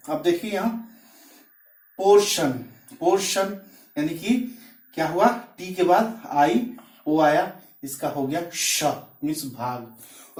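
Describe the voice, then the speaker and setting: A man teaching a patient, step-by-step pronunciation lesson, repeating each word and its meaning. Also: a little high. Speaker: English teacher. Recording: echoey room, mic far off.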